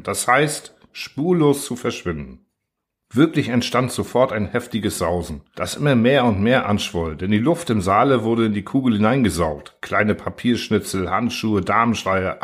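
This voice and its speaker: A man narrating a literary story in an audiobook, with a measured, even delivery. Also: on the low side, slightly rough.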